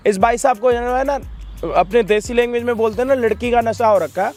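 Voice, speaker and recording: High-voiced man scolding, preachy vlog host. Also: fairly quick, darkish tone, faint music behind. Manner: preachy, scolding, addresses viewers as brothers. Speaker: prank and social video host. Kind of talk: emotional street-video presenting.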